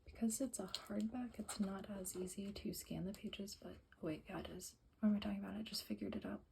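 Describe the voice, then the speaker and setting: A woman whispering softly in an ASMR style, reading aloud and rambling with self-correcting asides. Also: mid-range voice, a little fast, creaky. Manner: whispering and very soft-spoken. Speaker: ASMR creator. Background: faint music playing for plants, background hiss.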